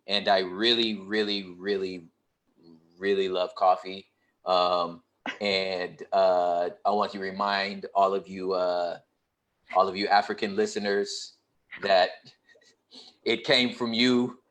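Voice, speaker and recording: A man, a poet and hip hop artist, talking casually on a panel in a relaxed way with lots of fillers. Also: sits low, takes it slowly. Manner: relaxed and conversational, with many fillers and a laugh.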